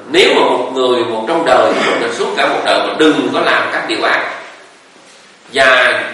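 A man's voice: medium pitch, bright, forceful tone. A man, a Buddhist monk giving a conversational dharma talk, telling stories and asking the audience rhetorical questions. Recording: echoey hall recording from far off.

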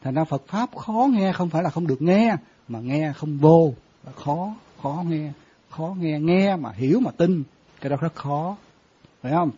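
A man's voice: on the high side, animated, a little slow, mellow, slightly rough. A man, a Buddhist monk giving a conversational dharma talk and often quizzing his listeners. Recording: dull lo-fi sound.

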